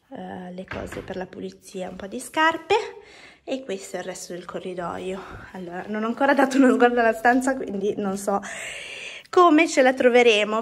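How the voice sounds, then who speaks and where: Young woman chatting while walking her apartment. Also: medium pitch. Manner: chatty, rambling with fillers. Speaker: vlogger. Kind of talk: casual home-tour vlog. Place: apartment rooms indoors. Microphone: phone held at arm's length.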